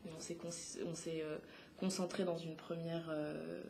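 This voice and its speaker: A woman in her twenties, a playwright and activist, answering interview questions haltingly with frequent filler sounds and restarts. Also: deep voice, flat delivery, gravelly, warm tone, slight background noise. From Congo (DRC), raised in France. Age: 20s. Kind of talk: hesitant spoken interview answers.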